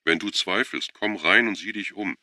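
A man's voice: sits low, moderate pace, sharp tone, no room sound, clean studio sound, pitched above the performer's own voice. A man reading an audiobook voices a tired, irritated woman who is a nurse, curt and weary, pleading when pressed.

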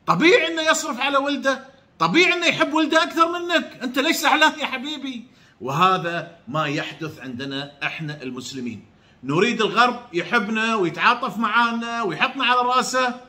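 A man preaches straight to his online viewers, asking rhetorical questions and repeating his points. His voice sits very high and sounds sharp and bright. His pitch swings widely as he presses each point. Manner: rhetorical, repetitive, addresses viewers directly. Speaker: online religious commentator. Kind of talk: preachy direct-to-camera talk.

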